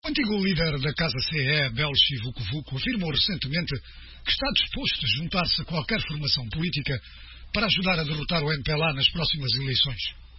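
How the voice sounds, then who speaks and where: A man presenting the radio news in a steady, formal read. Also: fairly high pitch, fast talker. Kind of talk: scripted radio news reading. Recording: muffled radio broadcast with faint noise.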